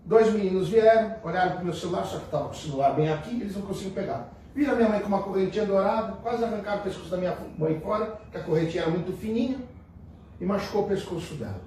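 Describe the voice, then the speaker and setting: This homily is preached by a middle-aged bishop with a Brazilian Portuguese accent, whose high, mellow voice races ahead. Conversational yet emphatic, he fills it with rhetorical questions. It's captured at a distance in an echoey room, with a little hiss or hum.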